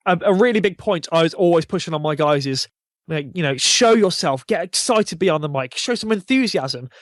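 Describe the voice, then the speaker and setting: Recorded dry and clean in a studio, this high-sitting male voice belongs to a YouTube channel founder appearing as a podcast guest. He chats casually about a gaming channel, rambling with informal enthusiasm.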